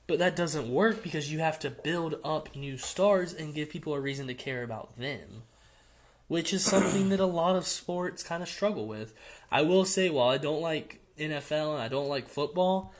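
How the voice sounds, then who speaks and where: A man's voice: a little high, moderate pace. A young man co-hosting a casual podcast, giving his opinions in long run-on explanations. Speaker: podcast co-host.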